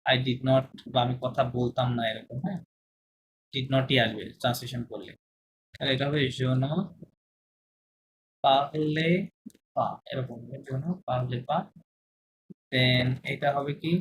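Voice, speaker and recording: A man's voice: medium pitch, steady tone, poor audio. Man teaching a class over a video call. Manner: asks many checking questions, repeats examples slowly. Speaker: language teacher. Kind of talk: online class explanation. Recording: video call with clear background noise.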